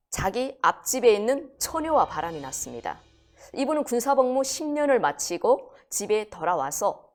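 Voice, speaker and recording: Woman telling a crime story, lively, acts out the voices. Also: medium pitch. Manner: animated, acts out quoted voices. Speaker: guest storyteller. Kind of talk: conversational storytelling.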